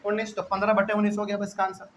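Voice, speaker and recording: A man with a notably high voice teaches a math class, walking through each step and posing questions that he then answers himself. A faint hiss of noise sits under his voice. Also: monotone, very fast, low-quality recording.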